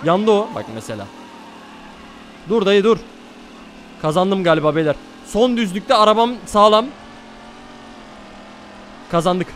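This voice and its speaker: A man streaming a racing game live, chattering excitedly, swearing often and talking to his chat. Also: sits high, unhurried, pauses often, slight background noise. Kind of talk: live gameplay commentary.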